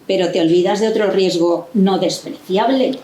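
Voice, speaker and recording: An actress playing a novelist's affectionate wife, reminiscing in a playful, teasing way. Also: female voice, medium pitch, normal speed, dark tone, a little hiss or hum, close to an everyday voice. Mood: teasing, fond. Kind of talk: staged reading in a stage tribute. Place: university auditorium. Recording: roomy hall echo.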